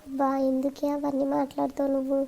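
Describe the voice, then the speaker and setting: A caring elder sister in a cartoon, played by a woman with a Telangana accent. Her voice is high and flat with a gravelly edge. She soothes others and scolds them gently. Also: fast talker. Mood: soothing. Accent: Telangana Telugu.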